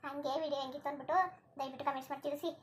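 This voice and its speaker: A woman's voice: high voice, level tone, very fast, a little hiss or hum. A woman hosting a cartoon channel, giving a polite sign-off in Karnataka Kannada. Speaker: channel host. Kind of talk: channel outro.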